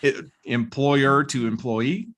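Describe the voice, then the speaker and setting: A man co-hosting a podcast, telling a workplace story in a casual, animated way. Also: mid-range voice, slow. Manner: animated, acts out quoted people in a raised voice. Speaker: podcast co-host.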